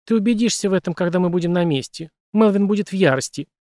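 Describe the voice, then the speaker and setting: A man's voice: sits high, quick pace, darkish tone, no room sound, clean studio sound, voice pushed up, lightly acted. A man reading an audiobook, voicing a frightened young woman in a raised, strained, pleading voice.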